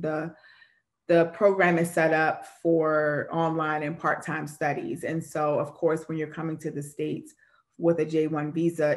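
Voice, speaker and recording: A woman with a low, level voice moderates an informational webinar Q&A as an admissions moderator, speaking from a room at home hung with framed pictures. Her manner is steady and explanatory, and she passes along questions from the chat.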